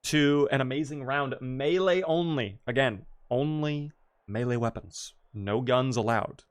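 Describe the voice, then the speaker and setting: A man with a medium-pitched voice hosts and calls a video game match. His commentary is casual and chatty, full of joking banter. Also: a little slow, clear, resonant tone. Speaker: esports match host and commentator.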